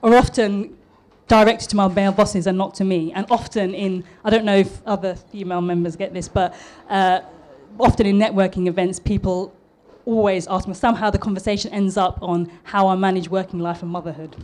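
A woman's voice: mid-range voice, steady tone, fairly quick, hardly any pauses, darkish tone. A woman in her thirties from East London with a polished southern English accent, giving a prepared public talk in an earnest, slightly nervous way with small restarts. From East London, England. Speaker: public speaker and architect.

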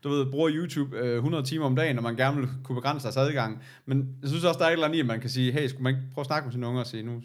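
Man, podcast co-host, casual chat, mid-pitched, stumbling and repeating words. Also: few pauses. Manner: hesitant, repeats words, frequent agreeing "ja".

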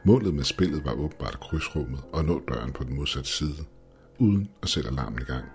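Man, horror story narration, extremely low voice, slow, measured, grim. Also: expressive, a little mellow. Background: faint music.

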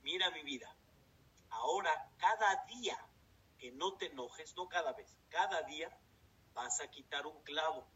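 A man's voice: animated, measured pace, bright, forceful tone. A man voicing a stern but loving father giving firm instructions. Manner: firm, scolding. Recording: distant dull recording with rumble.

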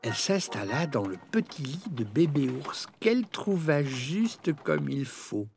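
A man reading a children's fairy tale aloud, very expressive, and now and then speaking straight to his listeners. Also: on the high side, a little slow, creaky, music in the background. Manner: expressive, addresses listeners directly. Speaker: storyteller.

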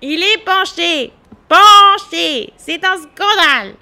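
A woman's voice: high-pitched, big pitch swings, takes it slowly, pushed and bright, voice pushed up, heavily acted. A woman voicing a fussy, dramatic old female arctic wolf who exaggerates everything and speaks with indignant exclamations. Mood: outraged.

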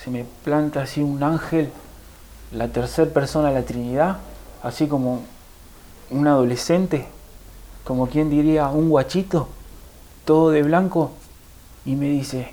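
A man's voice: a little high, unhurried, pauses often, mellow, rough recording. A man with a Rioplatense Spanish accent gives an emotional personal conversion testimony as a guest. He tells the story vividly and acts out what others said to him.

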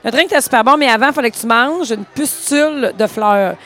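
A woman with a Quebec French accent, co-hosting a podcast and telling animated stories in casual chat. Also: fairly high pitch, a little fast. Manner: animated storyteller, chatty filler "là". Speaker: podcast co-host.

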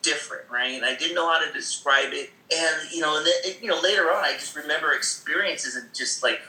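Brisk and fairly high-pitched, a man from around Seattle tells growing-up stories as a guest in a loose, rambling way, laughing often, using many fillers and mimicking people's voices. His tone is bright and forceful, and the audio is roomy and poor.

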